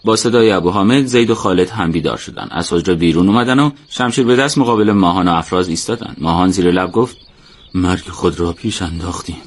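Male narrator for an audio adventure story, lowish voice, steady and colloquial. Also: few pauses.

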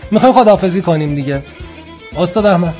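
A man hosting a radio comedy program, wrapping up with brisk, joking banter. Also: high voice, darkish tone, faint music behind. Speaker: radio host.

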